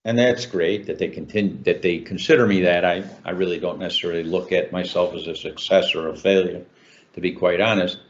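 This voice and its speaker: A man's voice: sits low, highs cut off. An older man from Chicago, an author answering interview questions in a talkative way, with many fillers and restarts. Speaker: author guest.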